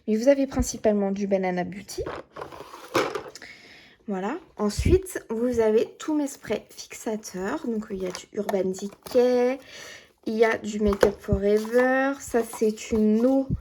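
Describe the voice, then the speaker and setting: A woman's voice: fairly high pitch, measured pace, background noise. A woman vlogging from home at her dressing table, showing her things in a chatty show-and-tell way with lots of fillers. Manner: chatty, many fillers and "voilà". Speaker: beauty vlogger. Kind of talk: casual show-and-tell vlog. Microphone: camera or phone filming close.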